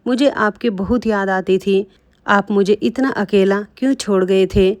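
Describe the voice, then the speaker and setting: Little girl asking for her papa , woman reading it, slow and plaintive, storybook. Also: mid-range voice, natural voice. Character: small girl, about six, innocent and longing.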